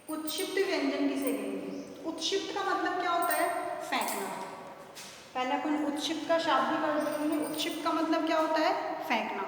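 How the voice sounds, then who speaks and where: A woman teacher giving a grammar lesson, asking questions and answering them herself, stretching key words slowly. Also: sits high, a bit bright. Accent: Hindi, North Indian. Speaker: school teacher. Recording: echoey distant room recording with faint noise.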